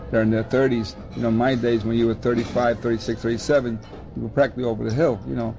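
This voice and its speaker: Older man with a gravelly voice. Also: mid-range voice. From Dominican Republic. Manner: rambling, repeats words and restarts often. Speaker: baseball scout. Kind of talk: oral history interview.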